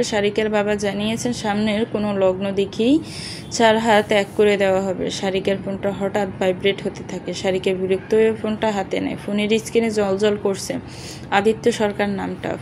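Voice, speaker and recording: A woman's voice: medium pitch, flat delivery, moderate pace, noisy background. A woman reading an audio story aloud, narrating and speaking every character's dialogue in one voice.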